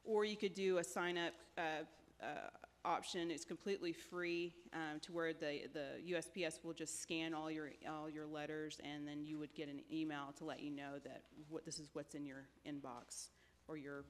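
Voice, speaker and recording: A woman with a deep, fairly flat voice presents options at a city council meeting at a moderate pace. She's hesitant and full of fillers, even remarking that she has a light voice. The meeting hall is reverberant, with a little hiss or hum.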